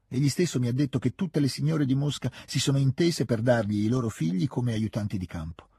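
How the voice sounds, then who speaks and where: A man's voice: mid-range voice, creaky, mellow, slightly rough, no echo, studio quality. A man voicing a courteous and guarded older prince in an audiobook reading. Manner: courteous, measured. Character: polished, cautious old prince.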